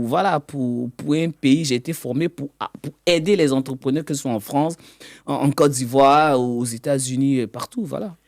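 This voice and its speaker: A man's voice: mid-range voice, darkish tone. A man, a guest in an interview, explaining his work as an economic intelligence consultant. He often stumbles and repeats words mid-sentence.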